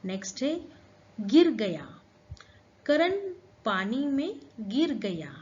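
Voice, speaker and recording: A woman teacher explaining a grammar lesson to schoolchildren, slow and patient. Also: on the high side, big pitch swings, darkish tone, lo-fi sound.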